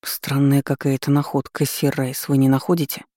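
A man's voice: medium pitch, monotone, moderate pace, warm tone, dry recording, clean studio sound, close to an everyday voice. A man voicing a courteous, cautious young nature mage in a fantasy audiobook. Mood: polite.

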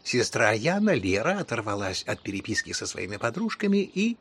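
A man narrating a children's story in a measured, expressive reading voice. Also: mid-range voice, breathy edge. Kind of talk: audiobook storytelling.

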